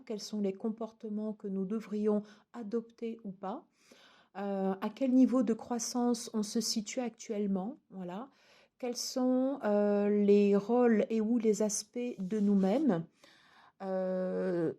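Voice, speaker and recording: A woman's voice: mid-range voice, dark tone. A woman casually reviewing a tarot deck and its guidebook, chatty, with many fillers and restarts.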